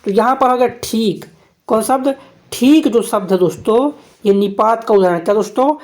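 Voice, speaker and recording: A woman's voice: on the high side, moderate pace, a little mellow. A woman teacher going through exam grammar questions, repeating each question and answer and calling her viewers friends. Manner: repeats questions and answers, often asks "kya"; addresses viewers as "dosto". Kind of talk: Hindi grammar quiz lesson.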